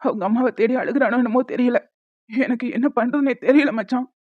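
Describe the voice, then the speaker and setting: A woman's voice: on the high side, brisk, dry recording, natural voice. A woman voicing a distraught young father in a cartoon, speaking wearily and helplessly. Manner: weary, helpless consoling. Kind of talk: cartoon voice acting. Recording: tinny phone-like sound.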